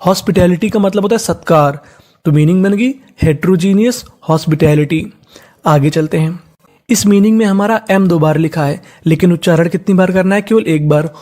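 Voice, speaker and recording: A teacher giving a spelling lesson who spells each word letter by letter, blends it slowly, and asks and answers their own questions. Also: mid-range voice, dark tone. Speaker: English teacher. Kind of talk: spelling lesson, sounding out words.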